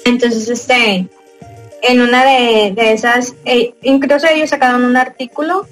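Over soft background music and poor audio, a young podcast host with a Mexican Spanish accent rambles through a casual chat, full of fillers and little laughs. Her voice is a little high, steady and unhurried.

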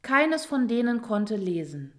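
A woman's voice: on the high side, very animated, measured pace, a bit bright. Roswitha, a woman voicing an impatient turtle. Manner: insistent, indignant calls. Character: impatient vain female turtle with golden shell.

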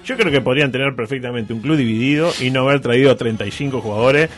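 A man with a Uruguayan accent hosting a radio show, delivering sarcastic sports commentary with a deadpan manner. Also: medium pitch, fast. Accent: Uruguayan Spanish. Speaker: radio host.

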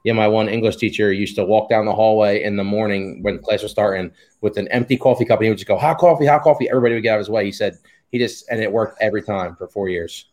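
A man talks quickly in relaxed, joking podcast banter with friends. He tells loose, wandering anecdotes. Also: lowish voice. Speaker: podcast co-host.

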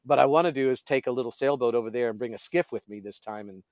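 A man's voice: medium pitch, fast talker, a little mellow, dry recording, clean studio sound. A middle-aged man, a pastor and fishing guide, chatting as a podcast guest and often searching for his words. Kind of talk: casual conversational storytelling.

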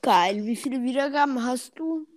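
A woman's voice: high-pitched, lively intonation, moderate pace, a little hiss or hum. A young female voice in casual podcast chat, bossy and teasing, sometimes putting on a whiny mock cry. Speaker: podcast co-host.

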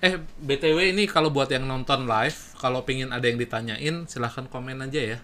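A man's voice: medium pitch, brisk, crowd noise. A man with an Indonesian accent hosting a casual livestream interview, informally prompting with questions. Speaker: host.

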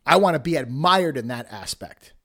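A man with a somewhat high voice delivers a motivational speech as a show host. He is blunt and emphatic, preaching tough love directly to the listener. His talk is forceful and peppered with swearing. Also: expressive, moderate pace. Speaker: podcast host.

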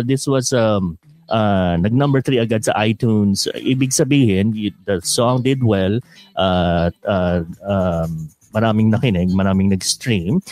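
A man's voice: mid-range voice, darkish tone. A male host in a casual interview, chatty and laughing often as he reads out viewer questions.

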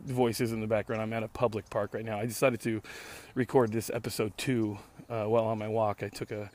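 Speaking at medium pitch, a hoarse late-thirties man whose voice is going rambles through a casual solo podcast monologue outdoors in a park. He's sardonic and swears freely as the host.

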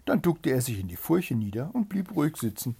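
A man telling an old fairy tale in an animated way. His voice is gravelly and somewhat husky. He moves his pitch up and down freely to keep the story alive. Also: brisk.

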